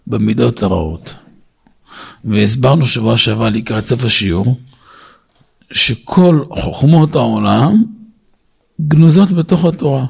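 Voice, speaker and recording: Gravelly husky rabbi teaching a class. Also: male voice. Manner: storytelling teacher who asks and answers his own questions; voice climbs high and loud when stressing a point. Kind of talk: Torah lesson.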